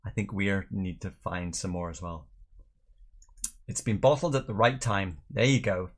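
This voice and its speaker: In a low voice at normal speed, a middle-aged man with Northern Irish and English roots jokes casually through a livestreamed tasting show. He reads viewer comments aloud as he hosts.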